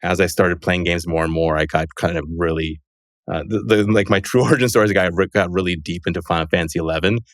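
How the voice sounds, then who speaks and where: Speaking fast in a deep voice, a Los Angeles, USA company co-founder guests on a podcast for a casual interview conversation. He's chatty and loose, relying on "like" and laughing through his lines. The audio is studio quality with no room sound.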